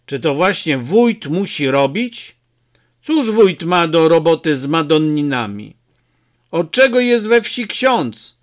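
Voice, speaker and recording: A narrator puts on a gruff village mayor with a quick temper, shouting and blustering at the parish priest. His voice swings widely up and down, and he says his words slowly, as in an audiobook. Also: fairly high pitch, very animated. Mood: angry.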